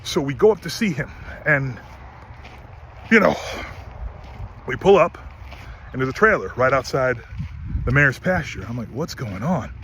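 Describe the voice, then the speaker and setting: A man's voice: mid-range voice, expressive, a little slow, pauses often, a bit bright, a little hiss or hum. A middle-aged man retelling a story about his horse in a casual vlog, earnest and emphatic, often restarting his sentences. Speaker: horse owner vlogger.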